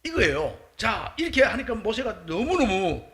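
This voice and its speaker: A middle-aged male pastor preaching a morning prayer sermon, animated and acting out quoted voices. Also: sits high, normal speed.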